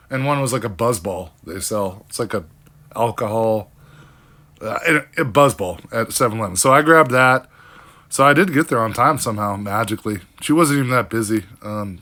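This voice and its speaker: An older man talks through his week in a loose, rambling way, with lots of fillers and the odd curse. His voice sits in a middle pitch and has a bright, forward edge. It sounds like a casual, unscripted vlog. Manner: rambling, frank, with frequent fillers and mild cursing. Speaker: delivery driver vlogger.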